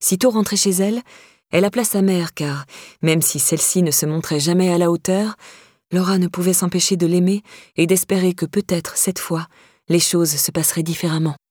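A woman narrating an audiobook in a measured, even voice pitched on the low side. The sound is close and dry, with no room around her. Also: no echo. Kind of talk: scripted narration.

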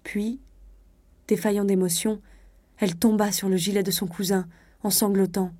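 A woman narrating a classic story in a measured, literary way. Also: mid-range voice, fairly even intonation, dark tone, no room sound.

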